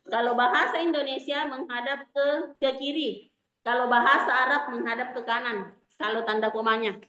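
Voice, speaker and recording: A woman teaching an Arabic lesson, explaining slowly and repeating key terms. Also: on the high side, steady tone, sharp tone. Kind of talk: classroom lecture. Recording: echoey room, dull lo-fi sound.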